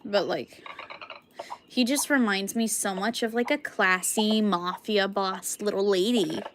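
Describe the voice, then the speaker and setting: A woman's voice: mid-range voice, unhurried, a bit bright. A young woman streamer chatting casually to viewers, rambling with lots of fillers and coughing from a cold. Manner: rambling, filler-heavy, frequent "like". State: sick with a cough. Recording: clicky background noise.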